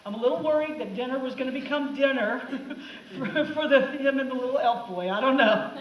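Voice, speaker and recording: A woman teacher giving a sarcastic, animated comic talk to students about a film. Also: high-pitched, brisk, highs cut off, a little hiss or hum. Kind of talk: comic classroom talk over film clips. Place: classroom. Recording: echoey room, mic far off.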